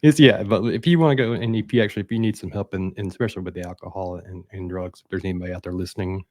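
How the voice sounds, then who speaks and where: A man's voice: sits low, fairly even intonation, rapid-fire, darkish tone, dry recording. A man speaking as a guest on a casual interview, emphatic and full of stumbling restarts and repeated words. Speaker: guest, mental health coach.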